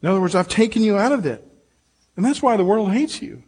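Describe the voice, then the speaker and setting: A man's voice: high voice, lively intonation, quick pace, darkish tone, husky. An older man, a pastor, giving a sermon in an earnest, conversational way and speaking straight to his listeners. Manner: earnest, conversational preaching, addressing the congregation directly.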